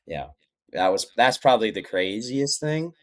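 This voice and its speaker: A man's voice: medium pitch, big pitch swings, moderate pace. A man chatting casually as an interview guest, talking in a plainspoken, reflective way. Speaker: podcast guest.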